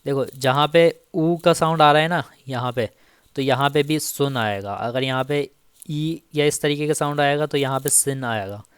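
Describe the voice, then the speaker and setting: A man teaching Turkish grammar in a casual spoken lesson, slowly repeating each example and checking in often with the listener. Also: mid-range voice, smooth, dry recording, studio quality. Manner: slow, repeats each example with frequent "theek hai".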